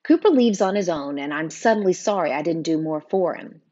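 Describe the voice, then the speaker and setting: Husky, lively woman narrating an audiobook. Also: on the low side, fairly quick, muffled recording. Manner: expressive, emotional, voices every character. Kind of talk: first-person audiobook narration.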